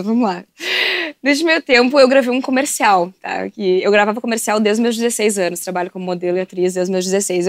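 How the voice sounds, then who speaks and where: A woman, an animated guest telling stories on a podcast and laughing often. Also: medium pitch, dry recording, studio quality. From southern Brazil. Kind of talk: casual podcast chat.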